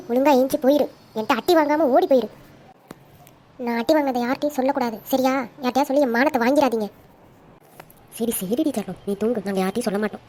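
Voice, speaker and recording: A woman telling an audio story, acting out lively dialogue among several characters. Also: a little high, slight background noise. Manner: animated, switching between characters. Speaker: storyteller voicing all roles.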